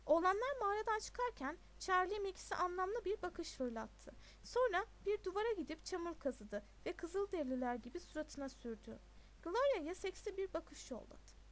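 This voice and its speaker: A woman narrating a novel aloud in an even, expressive storybook reading. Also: very high-pitched, moderate pace. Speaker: audiobook narrator.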